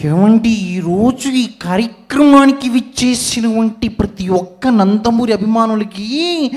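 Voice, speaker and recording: A man doing a very high, formal impression voice. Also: measured pace, darkish tone. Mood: greeting. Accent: Telugu. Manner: formal greetings in borrowed voices. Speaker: mimicry artist. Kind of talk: mimicry impressions on a recorded video.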